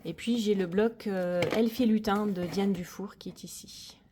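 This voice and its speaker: A woman's voice: medium pitch, steady tone, a little slow, heavy background noise. A woman chatting casually through a tour of her coloring corner, hesitant and friendly. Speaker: coloring hobby vlogger. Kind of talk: casual room tour chat.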